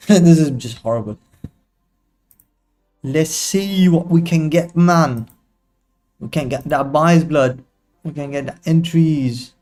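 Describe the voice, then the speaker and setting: This is a young man hosting a trading livestream, casually talking to chat, slinging slang and poking fun at his viewers. His voice is medium-pitched and slightly mellow.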